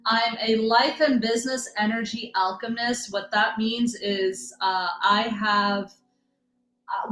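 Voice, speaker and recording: A woman's voice: medium pitch, fairly bright tone. A woman in her thirties from the US Midwest hosting a casual live stream, rambling and greeting viewers by name. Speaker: livestream host, energy reader. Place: home room in Texas. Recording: echoey room, faint music.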